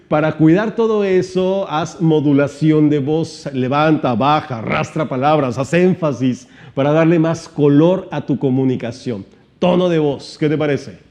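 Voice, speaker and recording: A man giving an animated seminar-style teaching talk, shifting his volume and pitch and asking many rhetorical questions. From Mexico. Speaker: motivational trainer.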